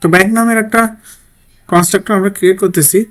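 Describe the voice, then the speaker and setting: In a screen-recorded coding tutorial, a man types code while teaching, thinking aloud and often asking "okay?". His voice is high and steady in tone, and he speaks rapid-fire.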